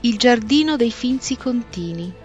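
A woman presenting a novel in a measured, scripted narration. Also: a little high, lively intonation, soft background music. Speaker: book presenter. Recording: dull, dry lo-fi recording.

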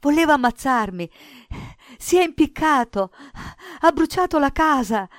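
A woman's voice: lively intonation, measured pace, no room sound, clean studio sound. A woman doing a terrified, panting young boy. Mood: frantic. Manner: high, loud, breathless outbursts. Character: terrified boy, frantic, sobbing out news.

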